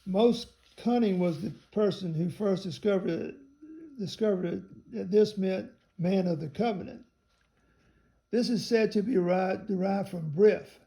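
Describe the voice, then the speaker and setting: A man reading a theology text aloud in a measured way, spelling out some words letter by letter. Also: sits high, gravelly, mellow.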